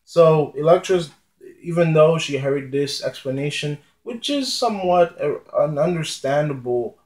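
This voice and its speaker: A man's voice: fairly high pitch, lively intonation, measured pace, a little mellow, roomy sound, rough recording. A man casually retelling and explaining a classic play, hesitating often with ums and restarting his sentences. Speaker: literature explainer. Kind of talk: casual spoken play summary.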